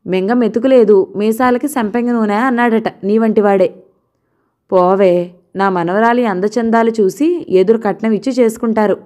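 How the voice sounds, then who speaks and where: A woman's voice: fairly high pitch, fairly even intonation, normal speed, mellow, close to an everyday voice. A woman voicing a proud, teasing old grandfather. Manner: teasing, boastful.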